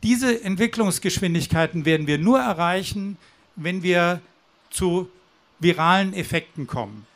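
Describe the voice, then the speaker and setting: High-voiced earnest man at a rally. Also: animated, measured pace, a bit bright. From southwestern Germany. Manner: earnest and persuasive, with some restarts. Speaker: rally speaker. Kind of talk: speech at a demonstration. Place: outdoor rally.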